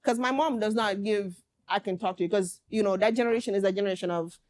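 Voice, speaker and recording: A woman hosting a casual talk show, lively and slangy, who laughs a lot. Her voice is recorded close and dry, with no room sound. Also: medium pitch, fast talker, dry recording. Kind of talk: casual chat.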